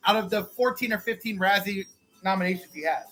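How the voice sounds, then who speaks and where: A man co-hosting a casual chat podcast, giving blunt, profane opinions with animated energy. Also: sits high, a little fast, faint music behind, rough recording. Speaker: podcast co-host.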